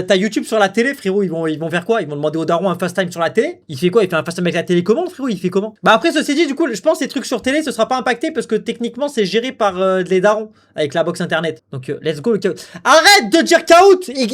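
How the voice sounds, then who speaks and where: A young man streaming live who chats casually and jokes around with rowdy slang, answering his chat in a high voice.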